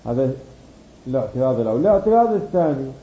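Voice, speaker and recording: A man's voice: mid-range voice, sing-song, very fast. A man teaching a grammar lesson, explaining patiently, drawing out key words, and asking and answering his own questions. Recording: dull roomy recording with faint background hum.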